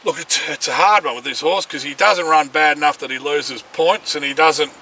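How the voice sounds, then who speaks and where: A man's voice: fairly high pitch, normal speed, pushed and bright, far from the mic, rough recording. An Australian man co-hosting a casual chat, giving rambling race reports. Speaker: racing syndicate co-host.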